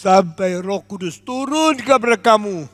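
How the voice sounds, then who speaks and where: An older man from Indonesia preaching a sermon as pastor, emphatic and deliberate, switching at times into English. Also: high voice, animated, fairly bright tone. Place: large church auditorium. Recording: long echo of a large church hall.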